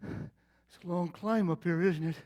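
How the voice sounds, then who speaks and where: A man acting out Abraham, the aging patriarch, talks to his boy in an earnest, fatherly way. The voice sits high for a man, and the monologue swings from loud calls to soft confiding. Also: measured pace, muffled recording. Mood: tender. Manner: theatrical monologue, calling out, then tender and confiding. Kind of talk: dramatic Bible-character monologue.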